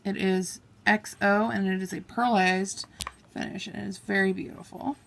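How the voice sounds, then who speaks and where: A beauty vlogger chats casually through a makeup haul, swatching shades on her arm and apologizing when she mispronounces names. Her voice is medium-pitched and creaky, with fairly even intonation and a moderate pace. The camera sits on a table, filming her hands.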